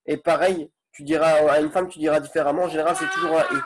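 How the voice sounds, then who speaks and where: A man's voice: on the high side, fairly even intonation, fast. A man teaching an online Arabic grammar lesson in French, explaining patiently and checking in with his students often.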